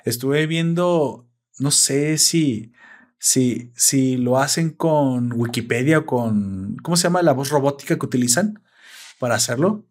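A man's voice: medium pitch, measured pace, darkish tone. A young man with a Mexican accent chatting casually and explaining at length, with salty slang. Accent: Mexican Spanish. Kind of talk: casual chat.

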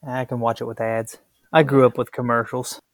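A young adult man talks casually on a podcast recorded inside a closet. His pitch moves very little, and the sound is close and dry. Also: little pitch movement, a little fast, no echo.

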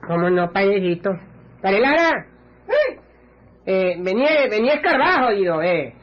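A man's voice: sits high, sing-song, normal speed. An actor playing a brash middle-aged village man who curses constantly and stammers when upset, in a lo-fi radio recording. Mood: blustering. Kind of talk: radio comedy acting.

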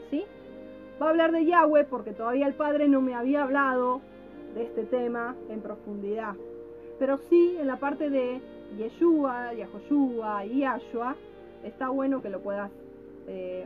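Woman religious teacher, high voice, unhurried delivery, tinny phone-line sound, faint music behind. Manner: slow and deliberate, frequently checks in with listeners.

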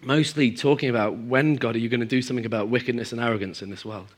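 A man preaching a sermon to a congregation, moving between emphatic high passages and quiet, low stretches. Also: fast, slightly rough. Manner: animated, swings from emphatic highs to quiet low asides. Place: church hall in front of a congregation.

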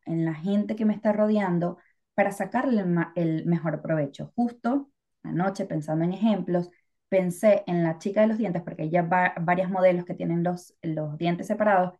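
Her voice is on the low side and dark in tone, moving at a normal speed through a muffled recording. This Venezuelan podcast co-host chats casually and reflectively, using lots of fillers.

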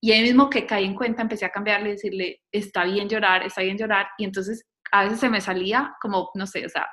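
Bright-voiced thoughtful mother. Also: medium pitch, quick pace. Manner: thoughtful, animated when quoting, frequent fillers. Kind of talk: casual conversation.

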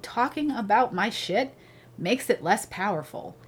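A woman's voice: medium pitch, expressive, a little slow, husky. A woman guesting on a podcast in casual chat, rambling with constant "like" and "you know".

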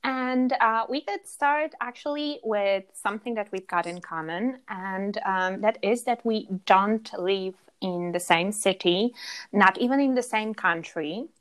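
A woman's voice: medium pitch, a little slow, fairly bright tone, clear, resonant tone. A woman from Poland co-hosting a podcast, talking in a friendly, thoughtful way with frequent ums and uhs. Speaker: podcast co-host. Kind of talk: casual podcast chat.

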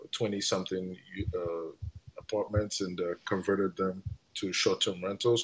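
This deep-voiced man is a podcast guest from Nigeria in his thirties, talking casually in an interview setting. He laughs a lot and leans heavily on fillers like "uh." The rough recording has a little hiss or hum.

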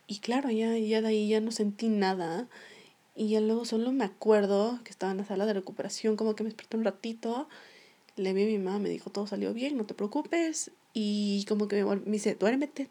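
A woman's voice: mid-range voice, dark tone. A young woman telling a personal story to her viewers in a casual, chatty way, laughing often. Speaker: vlogger.

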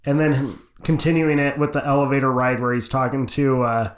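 A man's voice: medium pitch, level tone, brisk. A man co-hosting a casual movie chat, laid-back and agreeable, laughing often. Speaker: podcast co-host. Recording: echoey room.

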